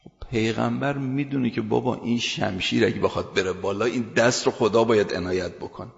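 A man preaching a sermon, telling stories earnestly and building emphasis with rising, louder phrases. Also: on the low side, fairly even intonation, creaky. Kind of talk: sermon with storytelling. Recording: long hall reverb, dull lo-fi sound.

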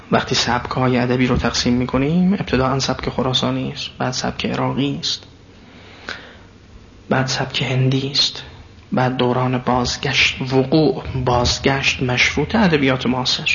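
A man giving a digressive lecture to an audience, stressing and repeating key phrases, sometimes speeding up when animated. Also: mid-range voice, slight background noise. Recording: dull lo-fi sound.

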